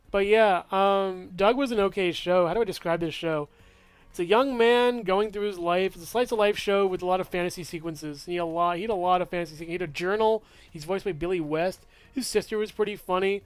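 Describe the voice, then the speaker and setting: A man's voice: high voice, clean tone, no room sound. A young man casually reviewing movies, rambling and offhand, laughing to himself. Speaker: movie reviewer, channel host.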